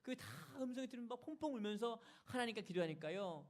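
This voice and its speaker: Dramatic, emphatic Korean pastor preaching. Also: male voice, very high-pitched, animated, fast talker, a little mellow. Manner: dramatic storytelling, emphatic and rising. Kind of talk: Sunday sermon. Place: church sanctuary.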